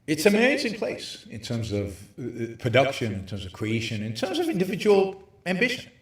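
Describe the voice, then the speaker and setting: A man speaking in an even, middle-range voice, hosting a show and lecturing with emphasis. His voice bounces around a hotel room with very high ceilings, giving it a spooky cave-like echo. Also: moderate pace. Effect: hollow cave-like echo. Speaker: show host. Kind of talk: livestream talk on philosophy.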